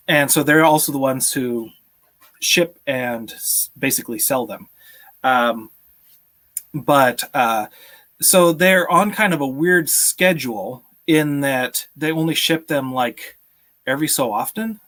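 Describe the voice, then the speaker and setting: Indoors in a small room at home, a man in his thirties runs a live stream, chatting casually and answering viewer questions. His medium-pitched voice is a bit bright, and he comes across as friendly and appreciative, chuckling often.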